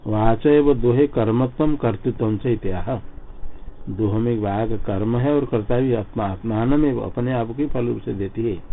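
A man teaching scripture as a lecture. He recites each verse slowly and then explains it word by word. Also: lowish voice. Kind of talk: line-by-line scripture commentary lecture. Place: ashram classroom. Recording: phone-like lo-fi recording with faint noise.

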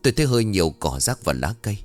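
A man's voice: fairly low pitch, very animated, rapid-fire, soft background music. A man doing a blunt old village shaman woman. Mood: brusque. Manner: brusque and commanding. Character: blunt, wry older female village shaman.

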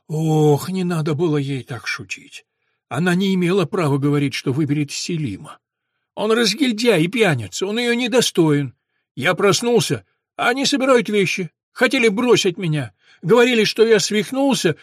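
A desperate, heavy-set drunk who begs, rants and turns menacing, his voice pushed loud and a little higher than plain talk, as a male narrator puts him on. The recording is dry and close, with no room sound. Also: slightly rough, no echo. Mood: pleading. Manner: wailing, begging, half-mad. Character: heavy drunk older man, pleading and frantic. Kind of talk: audiobook character voice.

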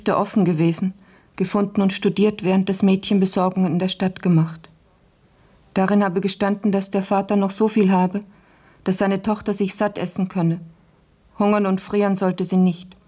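This woman performs the part of a young housemaid, serious and shrewd, for a German radio play. She has a natural, mid-range voice with a dark tone, and her delivery stays plain and subdued.

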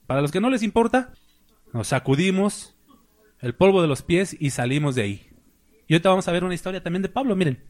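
A man preaching, his voice sitting a little high for a man. He throws rhetorical questions at the room and acts out the scenes he describes. It is a lively sermon style, recorded in a church hall.

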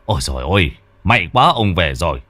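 Narrator as worried village chief, measured and serious, animated pitch, dry sound. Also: male voice, no room sound, heavily acted. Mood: grave. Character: middle-aged male village chief, grave and worried.

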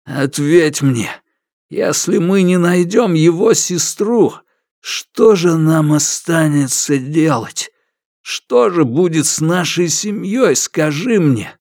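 A man voicing a drunk, desperate middle-aged father who talks in hoarse, breathless outbursts. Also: sits high, slow, dry recording, studio quality, voice pushed up. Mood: pleading.

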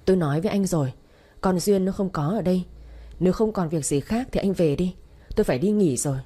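Woman doing grumpy old dad-in-law, scolding, husky. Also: fairly low pitch, quick pace, warm tone, natural voice. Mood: stern. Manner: scolding, firm. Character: stern elderly father-in-law, proud and quick to anger.

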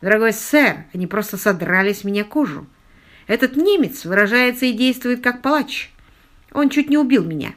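A woman's voice: fairly high pitch, lively intonation, moderate pace, fairly bright tone. A woman voicing a beaten-up young Englishman who jokes his way through his ordeal, in an audiobook. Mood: wry. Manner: ironic, lightly self-mocking. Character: battered, wry young Englishman, joking despite injuries.

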